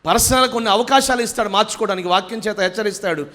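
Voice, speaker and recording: A man's voice: high voice, racing, bright, forceful tone. A man preaching a sermon as pastor, pressing the congregation with questions and urging them to praise aloud. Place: church hall.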